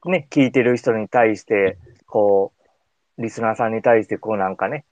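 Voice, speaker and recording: A man's voice: on the low side, normal speed, a little mellow, no room sound, dull audio. A man with a Kansai accent hosting a radio show in casual, colloquial chat. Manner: informal, colloquial.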